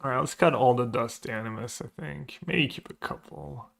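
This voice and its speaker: A man's voice: mid-range voice, normal speed, creaky, a bit bright. A man streaming a card game, chatting casually with viewers and thinking aloud in short, trailing phrases. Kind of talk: casual gameplay chat to a live chat.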